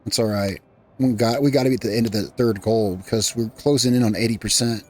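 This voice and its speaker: A man's voice: fairly low pitch, fairly even intonation, fast, darkish tone. Chatty man narrating his gameplay. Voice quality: rambling, self-correcting, chatty. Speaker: gaming channel host. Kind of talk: casual gameplay commentary.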